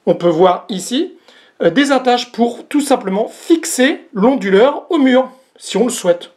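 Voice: mid-range voice, animated, unhurried, a little mellow. A casual unboxing host speaks straight to the viewer from a room at home, explaining each part of a device. The talk is loose and chatty, full of hesitant fillers and small restarts. The host mocks their own English accent in passing. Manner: self-mocking about own English accent. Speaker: host reviewing a product.

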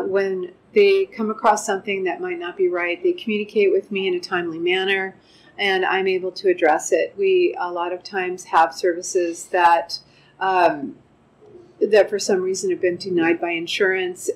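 An older woman, a clinic manager, gives an unscripted customer testimonial in a measured way, pausing often with "um", seated indoors with a lapel mic. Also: on the low side, rough recording. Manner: measured, frequent "um" pauses. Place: wood-paneled room with large windows, indoors.

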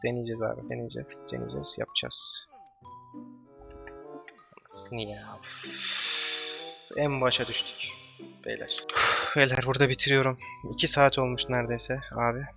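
A man hosting a let's play, coaching himself in repeated murmured words, then bursting into yells and curses. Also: mid-range voice, moderate pace, vocal fry, long pauses, over music. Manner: sudden yelling and cursing outbursts. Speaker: gaming channel host.

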